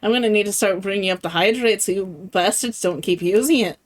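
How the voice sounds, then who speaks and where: A woman's voice: mid-range voice, fairly quick. A woman streaming games, chatting casually, laughing often and swearing freely. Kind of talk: casual game-stream chat.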